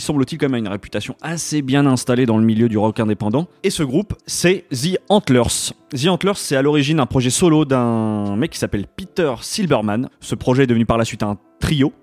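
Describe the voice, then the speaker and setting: A man co-hosting a music show, relaxed, introducing a band and its albums. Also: medium pitch, no room sound. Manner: relaxed, presents tracks, soft at times. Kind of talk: casual music chat and presenting.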